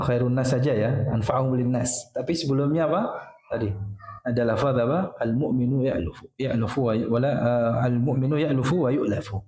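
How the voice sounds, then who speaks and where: A man's voice: mid-range voice, mellow. A man preaching at a mosque study session, who poses questions and answers them himself, with frequent "ya". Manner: explains by asking and answering his own questions, frequent "ya". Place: mosque hall. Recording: echoey mosque hall.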